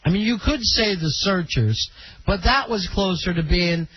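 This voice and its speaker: A man's voice: high-pitched, expressive, moderate pace, slightly rough. A man hosting a call-in radio show, chatty and opinionated, taking callers on the line. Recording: dull lo-fi radio broadcast.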